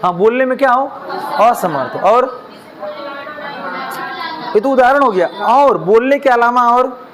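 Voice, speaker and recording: Guy teaching a room of students, really high voice, bit of crowd murmur and noise. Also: lively intonation, slow pace, pauses often, fairly bright tone. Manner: asks the class questions, jokes and mimics lisping children. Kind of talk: classroom lecture. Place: classroom with students.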